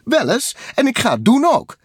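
A man voicing a goofy, excitable male tow truck who hollers in a folksy way. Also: high-pitched, takes it slowly, vocal fry, breathy edge, dry recording, studio quality, voice pushed up, full character voice. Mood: gleeful. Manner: hollering, folksy, breathless glee.

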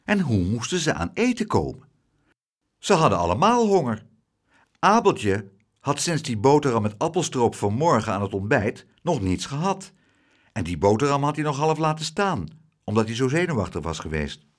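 A male audiobook narrator reads a children's story with vivid, dramatic expression. His intonation leaps and dips all over the place. His pitch sits in the middle. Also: very animated, normal speed.

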